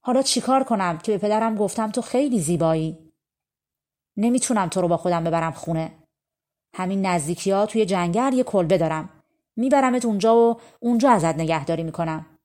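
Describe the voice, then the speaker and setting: A woman's voice: medium pitch, a little mellow, close to an everyday voice. A woman voicing a devoted young prince in a fairy tale, speaking in a raised voice. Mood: dismayed.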